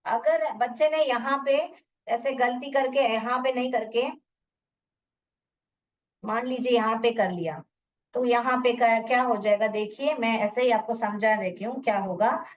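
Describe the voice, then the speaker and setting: Woman teacher, phonics lesson, slow deliberate talk, fairly high voice, sounds out words, muffled far-off mic. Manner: explains step by step, sounding words out slowly; mixes Hindi with English teaching phrases.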